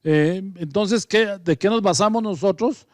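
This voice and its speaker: A man's voice: high voice, a little slow, a little mellow, no echo, studio quality. A man with a Guatemalan accent teaching a Bible study. He reads scripture aloud, then explains it conversationally, with frequent fillers and self-corrections. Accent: Guatemalan Spanish.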